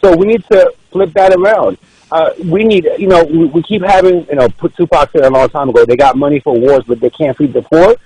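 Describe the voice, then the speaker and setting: A man's voice: a little high, a little fast, warm tone, husky, low-quality recording. A man from Ethiopia, a political candidate guesting on a radio show, making his case earnestly and often repeating words as he restarts. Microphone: radio studio microphone.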